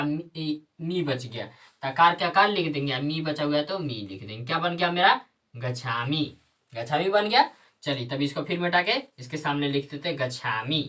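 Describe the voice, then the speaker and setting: A woman's voice: on the low side, sharp tone. A woman teacher explaining a lesson step by step, asking questions and answering them herself. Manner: asks and answers her own questions, repeats each step. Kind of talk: classroom lesson. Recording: voice heard from a distance.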